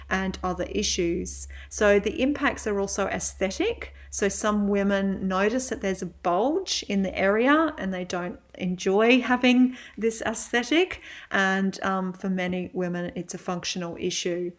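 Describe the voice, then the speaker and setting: A middle-aged woman, a physiotherapist and yoga teacher, giving a webinar lecture in a measured way with frequent pauses. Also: mid-range voice.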